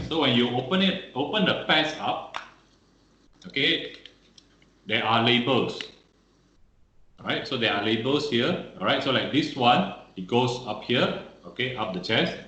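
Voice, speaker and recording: A man's voice: medium pitch, pushed and bright, roomy sound, slight background noise, poor audio. A man teaching first aid on an online webinar, peppering his speech with "all right" and "okay".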